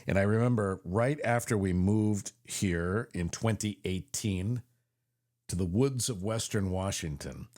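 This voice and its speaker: Earnest low-voiced man, confessional podcast. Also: darkish tone. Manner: earnest and confessional, slowing on key phrases. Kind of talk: reflective personal monologue. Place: home podcast studio. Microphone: studio mic with headphones.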